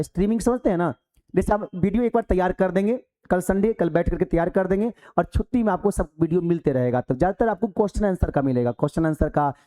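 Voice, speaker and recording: A male coaching teacher with a high, mellow voice gives a live online class from the hall of his coaching centre. He speaks conversationally, poses rhetorical questions, and acts out his pupils.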